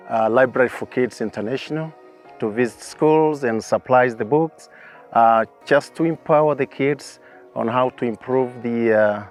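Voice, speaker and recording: A man from Tanzania who organizes safaris, answering interview questions hesitantly with many fillers. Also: medium pitch. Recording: faint music behind.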